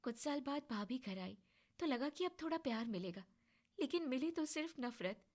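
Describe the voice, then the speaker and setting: A shy, gentle young wife in a storybook drama, voiced by a woman. She speaks softly and hesitantly. Her tone stays bright and slightly high. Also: expressive, moderate pace. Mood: tender. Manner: soft, quiet and hesitant.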